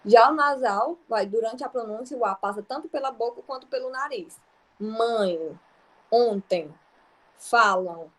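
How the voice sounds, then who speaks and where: A woman's voice: a little high, unhurried, fairly bright tone. A young Brazilian woman teaching an online grammar lesson, explaining patiently with examples and checking that students follow. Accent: Brazilian Portuguese.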